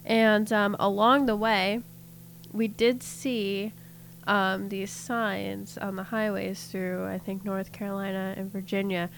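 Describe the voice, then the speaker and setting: A woman's voice: mid-range voice, flat delivery, takes it slowly, creaky, a little hiss or hum. A woman hosting a casual talk show, chatting and laughing easily while telling anecdotes. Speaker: host. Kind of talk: casual chat.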